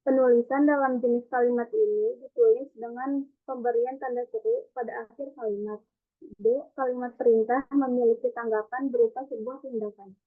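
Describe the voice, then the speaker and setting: A woman's voice: on the high side, moderate pace. Young woman reading notes over a tinny line. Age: young adult. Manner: even, careful recitation of a script. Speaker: student presenter. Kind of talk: reading a class presentation. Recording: tinny phone-like recording.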